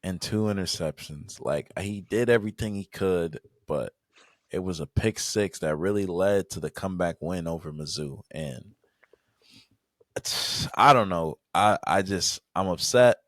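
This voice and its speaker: Low-voiced young man reading off stats. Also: a little slow, a bit bright, no room sound, studio quality. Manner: laid-back, reels off stats, sighs. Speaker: podcast host. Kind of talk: casual sports chat.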